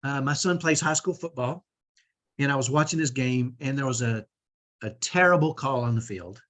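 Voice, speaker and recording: Coaching parents, a middle-aged male host sounds energetic and emphatic, his mid-range voice strong and powerful. He moves at a moderate pace and keeps tagging his points with "right?"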